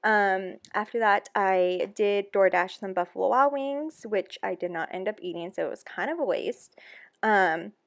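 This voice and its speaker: A woman's voice: mid-range voice, normal speed, gravelly. A young woman talking candidly through a casual voice-over, chatty and open, with frequent ums and likes. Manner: candid and emotional. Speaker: planner vlogger.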